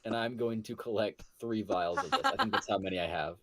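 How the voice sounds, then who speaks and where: A man's voice: fairly low pitch, a little fast, fairly bright tone, slight background noise. A man playing a tabletop game, talking casually with rambling restarts. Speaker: player.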